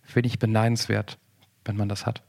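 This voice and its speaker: A man's voice: fairly low pitch, little pitch movement, moderate pace, creaky, a little mellow. A man in his forties talking casually and thoughtfully on a podcast, rambling with frequent restarts and fillers. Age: 40s. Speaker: podcast co-host.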